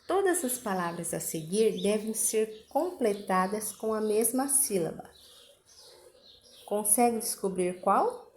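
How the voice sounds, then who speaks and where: A woman's voice: medium pitch, animated, slow pace, a little mellow, a little hiss or hum. A woman teacher reading a school lesson aloud, patient, going through the exercises word by word.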